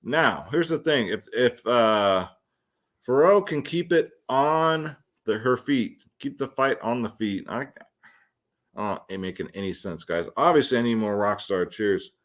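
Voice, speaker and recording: With lively intonation and a measured pace, this fight picks show host speaks in a medium-pitched, fairly bright voice. He runs through his fight predictions and betting takes alone, talking to his viewers as guys in a relaxed, slang-heavy style.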